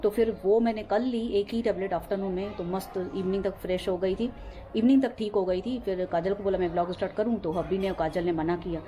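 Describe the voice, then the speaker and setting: A young woman whose first language is Sindhi, chatting at home in a rambling daily vlog, repeating herself, her voice weak and low after being unwell. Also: fairly even intonation, fairly quick, warm tone. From India. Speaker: home vlogger. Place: home, indoors.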